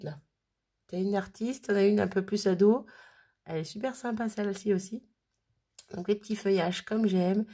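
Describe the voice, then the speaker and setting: A woman with a husky, slightly breathy voice talks casually as a crafting vlogger. She gushes about what she shows and often trips over her words. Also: mid-range voice, a little mellow. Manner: gushing, stumbling over words. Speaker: crafting vlogger showing mail she received. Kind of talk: casual chat.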